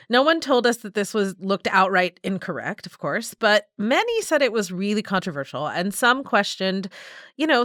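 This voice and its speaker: A woman's voice: medium pitch, sharp tone, dry recording, studio quality. A woman reporter explains a science story in a casual, hedging, explanatory way.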